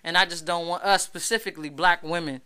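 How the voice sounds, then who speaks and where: A woman hosting a weekly radio talk show, speaking in an emphatic, animated, casual way. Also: fairly low pitch, fast, clean tone. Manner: emphatic, animated, keeps asking "you know what I'm saying".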